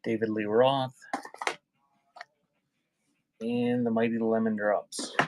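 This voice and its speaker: A man with a fairly low, level voice speaks slowly over background noise while hosting a casual live sale of vintage music. He chats off the cuff, reads out items, and calls chat viewers by name.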